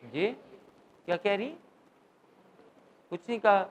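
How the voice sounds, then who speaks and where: A middle-aged man gives a classroom grammar lecture in a high voice. He keeps asking his students questions and slips English grammar terms into his speech. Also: expressive, rough recording. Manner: quizzes students, mixes English terms into Urdu. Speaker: English teacher.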